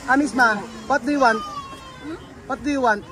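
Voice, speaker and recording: A woman vlogging outdoors, chatting with children in a lively, coaxing way and switching between languages. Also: high voice, moderate pace. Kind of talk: casual vlog chat with children. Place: busy street outdoors. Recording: crowd and music noise outdoors. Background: street crowd and music.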